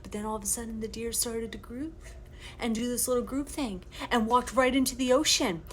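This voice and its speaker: A young woman vlogger telling a story in a casual voiceover, animated and exasperated, now and then swearing. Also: a little high, a little fast, slight background noise.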